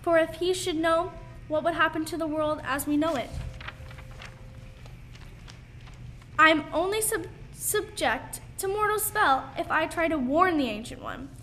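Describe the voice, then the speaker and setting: A woman's voice: very high-pitched, moderate pace, fairly bright tone. A teenage girl playing an earnest, anxious woman doctor heroine in a school radio play, with dramatic, emphatic delivery. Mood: determined. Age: young teenager. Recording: faint background noise.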